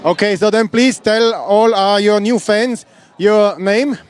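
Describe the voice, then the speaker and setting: A man's voice: high-pitched, measured pace. A man interviewing a rider outdoors at a race finish, asking patient, coaxing questions. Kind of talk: on-site interview.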